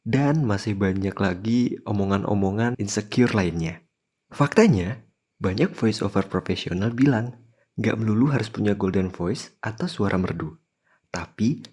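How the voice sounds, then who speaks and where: A podcast host with a lowish, darkish, slightly rough voice presents a scripted show, chatting and addressing listeners directly.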